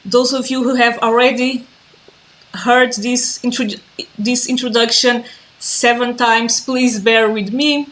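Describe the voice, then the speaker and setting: This calm woman, a yoga and mindfulness teacher from the Azores in Portugal, is introducing a live-streamed class in a fairly high, slow voice. The audio quality is poor, and she patiently repeats herself while viewers arrive.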